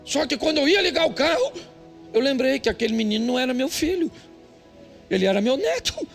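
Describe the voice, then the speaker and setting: An older male pastor with a Brazilian Portuguese accent, preaching a humorous sermon with jokey, emphatic storytelling and sudden high outbursts. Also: very animated, brisk, creaky. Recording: faint music behind.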